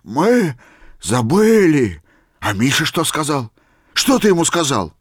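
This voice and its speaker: Male reader doing an old enthusiast, loud, high, dry booth sound. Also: sing-song, takes it slowly, husky, dry recording, heavily acted. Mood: eager. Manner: exclaiming, shouting in rapture. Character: ecstatic old man, adoring a holy fool.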